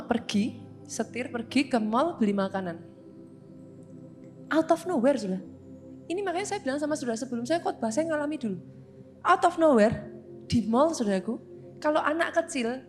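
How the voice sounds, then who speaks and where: High-voiced woman pastor, animated sermon. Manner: animated storytelling, constantly addressing listeners. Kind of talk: sermon with personal stories.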